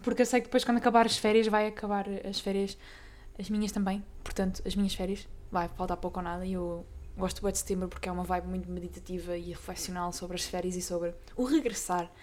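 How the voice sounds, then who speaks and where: A young woman with a European Portuguese accent, hosting a casual solo podcast, talking fast and tripping over tongue twisters. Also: fairly low pitch, fairly even intonation, a little mellow. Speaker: podcast host.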